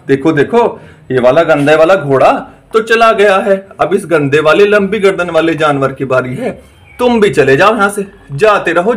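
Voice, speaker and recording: A man with a fairly high voice narrates a doll play story. He talks eagerly and exclaims often, repeating his calls to look again and again.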